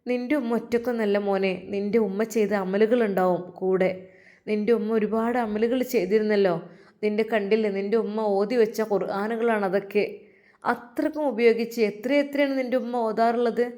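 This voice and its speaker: A woman's voice: medium pitch, steady tone, normal speed, dark tone, lightly acted. A woman voicing a consoling older aunt. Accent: Malappuram Malayalam. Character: comforting older aunt, soothing and devout.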